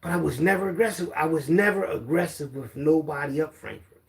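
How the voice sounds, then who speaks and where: A man's voice: on the high side, brisk, creaky. A middle-aged man with a Philadelphia accent, telling loose, rambling street stories in casual slang. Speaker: storyteller guest. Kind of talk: casual storytelling.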